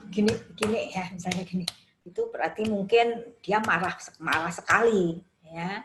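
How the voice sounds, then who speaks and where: A woman from Indonesia teaching a counseling workshop, explaining step by step and tagging her sentences with "ya". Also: on the low side. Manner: warm explanatory, frequent "ya" tags. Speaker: counseling trainer.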